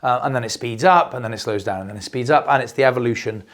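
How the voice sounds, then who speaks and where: A middle-aged man hosts a crypto video, giving an unscripted explainer monologue while losing his voice. His mid-range voice is fairly bright and quick, and he rambles off the cuff, repeating words and using many fillers.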